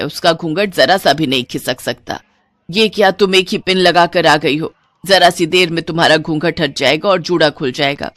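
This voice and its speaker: A woman's voice: deep voice, fairly bright tone, no room sound, voice pushed down. A woman voicing a strict, old-fashioned elderly mother-in-law who talks in a stern, scolding way.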